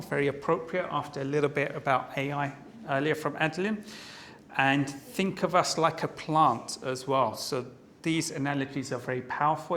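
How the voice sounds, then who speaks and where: Brief: man, slightly high voice, encouraging club evaluator, faint background hiss. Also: a bit bright. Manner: encouraging, plays a mock sales pitch for laughs. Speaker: speech evaluator.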